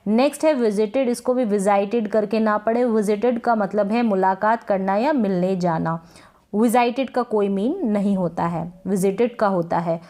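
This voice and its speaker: A woman's voice: mid-range voice, moderate pace, hardly any pauses, mellow. A woman teaching English pronunciation in a Hindi-language lesson, patiently repeating words and asking her viewers questions to check they follow.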